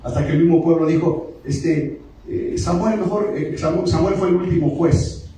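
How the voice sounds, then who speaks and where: A man's voice: fairly high pitch, normal speed, warm tone, a little hiss or hum. A man preaching a sermon as pastor, with emphatic call-and-response delivery. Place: church sanctuary. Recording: echoey church hall from a distant mic, music behind.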